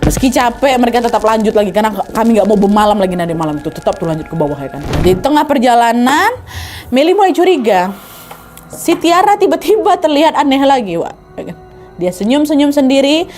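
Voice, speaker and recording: A woman casually telling a horror story to a friend, acting out the panicked shouts of the people in it. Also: fairly high pitch. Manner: lively, animated, acts out the characters' panicked shouts.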